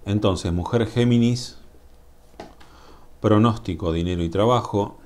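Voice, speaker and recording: A man with a Rioplatense Spanish accent reading tarot cards to camera in a musing, drawn-out way, often asking "mm?" to the viewer. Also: on the low side, a little mellow, a little hiss or hum. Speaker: tarot reader. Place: indoors at a table. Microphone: camera above the table, speaker off-screen.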